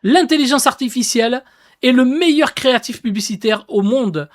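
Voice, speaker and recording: A woman's voice: fairly high pitch, normal speed. A woman giving a casual explainer about AI, talking emphatically and directly to viewers with lots of fillers. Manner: emphatic, animated with fillers like "du coup" and "bah"; addresses viewers directly and informally. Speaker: AI content creator.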